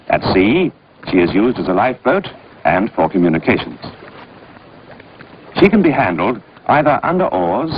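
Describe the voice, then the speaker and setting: A British man with a lowish voice narrates an instructional training film in a clipped, scripted, instructive manner. The old film soundtrack sounds dull and band-limited, with background noise.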